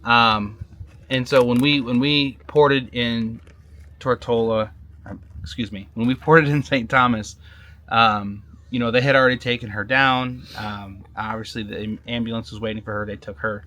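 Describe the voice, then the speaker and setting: A man talking casually in a sit-down vlog, halting and repeating words, often checking in with "right?". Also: medium pitch, fairly even intonation, bright, forceful tone. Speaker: vlogger, husband.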